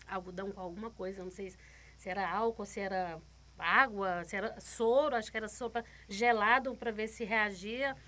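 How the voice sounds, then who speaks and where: A woman's voice: mid-range voice, a bit bright. A woman guest telling a personal faith testimony, retelling it vividly, repeating words and acting out other people's lines.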